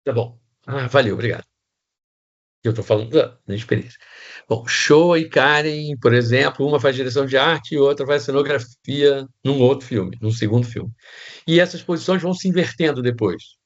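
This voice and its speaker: A man's voice: mid-range voice, moderate pace, lo-fi sound. A man with a Brazilian Portuguese accent teaching set design in a casual online class, rambling with restarts and many tag questions.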